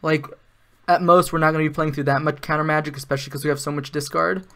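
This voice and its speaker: A man's voice: on the high side, fairly even intonation, quick pace, fairly bright tone. Chatty man streaming a card game. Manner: thinks aloud, chatty, with sarcastic asides and laughs. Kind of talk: casual live-stream commentary.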